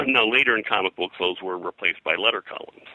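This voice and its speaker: Low, pushed and bright, this man's voice comes through a dry, low-quality recording. Interviewed in his role as historian and publisher, he talks through history in a halting, conversational way packed with detail.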